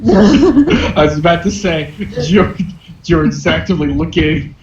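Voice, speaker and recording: Slow-talking guy playing a tabletop game, giggly, muffled roomy audio. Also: fairly high pitch, big pitch swings. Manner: laughs often. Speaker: player. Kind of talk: casual tabletop play. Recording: dull echoey recording with background noise.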